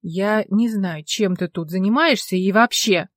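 A woman voicing a young, blunt but good-natured village policeman with folksy, steady talk. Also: mid-range voice, measured pace, no room sound, natural voice. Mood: defensive. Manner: plain-spoken folksy talk, calm and steady.

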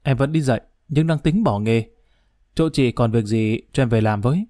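A man voicing a jealous, hot-tempered wife, a schoolteacher, who is sharp-tongued and quick to flatter. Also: medium pitch, no echo, studio quality, natural voice. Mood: fawning. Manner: sharp-tongued, then fawning.

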